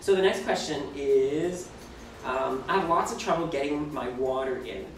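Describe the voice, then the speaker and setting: A man's voice: on the high side, moderate pace, heavy reverb, recorded from a distance, a little hiss or hum, rough recording. A man in his forties chatting casually as a vlog co-host on a cruise ship balcony, self-mocking and often restarting his sentences. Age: 40s. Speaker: vlogger co-host. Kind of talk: casual chat.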